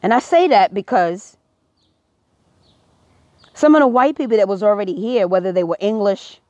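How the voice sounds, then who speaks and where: An American woman preaches her views on a live stream, emphatic and direct with her viewers. Her voice sits at an ordinary pitch. The sound is dry and a little dull and lo-fi. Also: normal speed, a little mellow, no room sound. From United States. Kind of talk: impassioned social commentary.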